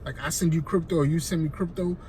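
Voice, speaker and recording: A finance vlogger with a Haitian accent talks casually to camera, rambling loosely and tossing in "right?" again and again to check in with viewers. His voice is fairly high and dark, quick and fairly even in intonation, with a little hiss or hum.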